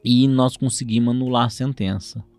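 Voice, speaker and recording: A man's voice: medium pitch, normal speed, dry recording, soft background music. A man from Brazil, a lawyer in a conversational interview, acting out courtroom exchanges as he explains. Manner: animated, acts out courtroom exchanges.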